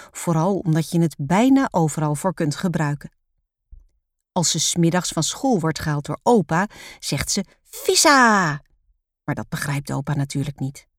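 Calm woman reading a children's story. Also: fairly low pitch, no room sound, clean studio sound. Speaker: narrator. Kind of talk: children's story read aloud.

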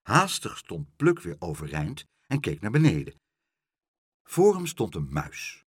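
A man narrating a children's storybook in an expressive, swinging storyteller manner. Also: deep voice, unhurried, slightly rough, dry recording, studio quality. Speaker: audiobook narrator.

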